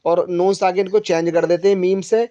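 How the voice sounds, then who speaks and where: A man tutoring a student in Quran recitation, patiently explaining and repeating each point slowly. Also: high-pitched, little pitch movement, mellow. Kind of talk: one-on-one tutoring lesson. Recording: dull lo-fi recording.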